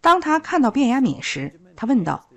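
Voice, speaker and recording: A woman's voice: high voice, very animated, normal speed, fairly bright tone. A woman teaching a Bible story, retelling the scripture in plain storytelling.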